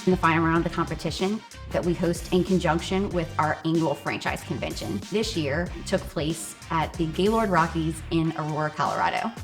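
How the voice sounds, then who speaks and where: A woman's voice: deep voice, fairly quick, music in the background. A woman narrating a competition show in a matter-of-fact, explanatory documentary voice-over.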